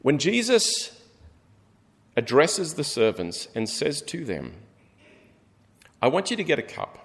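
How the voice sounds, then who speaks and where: A man preaching a sermon, telling the story in an animated way and acting out the characters. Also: medium pitch, unhurried. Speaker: pastor. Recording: long hall reverb.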